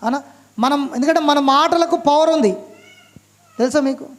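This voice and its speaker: A man preaching a sermon, stressing each point and asking his listeners "right?" again and again, reading scripture slowly. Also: very high voice. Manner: slow, emphatic scripture reading.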